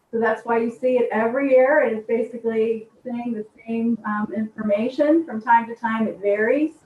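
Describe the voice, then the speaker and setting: A woman auditor presents a report over a speakerphone, steady and methodical, with frequent ums. The line is thin and tinny, and she sounds distant from the mic in an echoey space. Her voice sits a little high. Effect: heard over a speakerphone from far away. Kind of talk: formal presentation at a public meeting.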